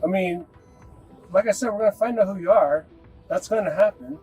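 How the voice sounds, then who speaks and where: A male police officer calmly persuading a driver at a traffic stop. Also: high voice, brisk, faint music behind, rough recording. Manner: calm, persuasive. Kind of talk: bodycam conversation. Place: roadside traffic stop, outdoors.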